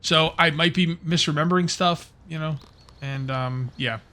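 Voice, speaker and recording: Chatty bright-voiced man narrating gameplay. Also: a little high, normal speed. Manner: chatty, rambling, talks to viewers while playing. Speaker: gaming YouTuber. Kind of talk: casual let's-play commentary.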